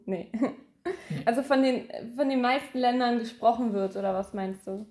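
A woman's voice: a little high, moderate pace, a little mellow. A giggly, teasing woman asking quiz questions in a casual chat between friends. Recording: roomy, echoey indoor sound.

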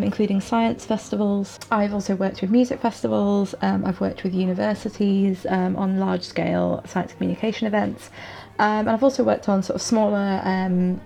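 A woman speaks unscripted, as in an interview, pausing often as she goes. Her voice is dark and relaxed, with noticeable vocal fry and an unhurried feel. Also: mid-range voice. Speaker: freelance science communicator and event producer. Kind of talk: unscripted interview self-introduction.

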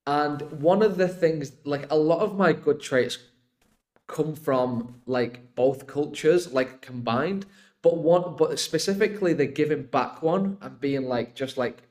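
Born in Iraq and raised in the UK from age eight, a man in his twenties guests on a podcast, speaking unhurriedly in a slightly high voice with a darkish tone. His talk is casual, rambling and emphatic, peppered with "like" and "right?" as he keeps checking in with whoever's listening.

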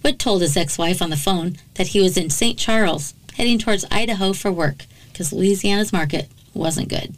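A woman with a slightly low voice narrates a true crime case in a podcast. Her storytelling is dramatic and measured. She drops in blunt, sarcastic remarks along the way. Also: rough recording.

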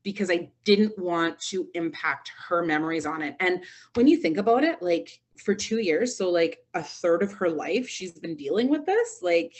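Woman in her thirties, husky voice, low-pitched, animated storytelling, casual interview. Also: normal speed. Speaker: radio morning show host, interview guest.

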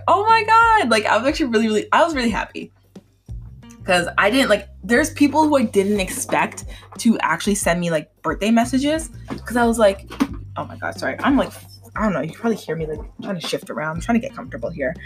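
A woman in her twenties talks through her own podcast, candid and chatty, slipping in "like" and "um" constantly. Her voice sits a little low for a woman and carries a faint sickly edge. Soft music plays faintly underneath. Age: 20s. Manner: candid and chatty, many fillers. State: slightly sick. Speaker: podcast host. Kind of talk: casual solo podcast talk.

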